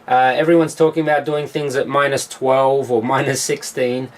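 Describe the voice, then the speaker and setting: A man's voice: mid-range voice, level tone, normal speed. A man, a music producer, explaining his mixing steps in a studio tutorial, with frequent "uh"s as he works. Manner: explanatory, with frequent filler sounds.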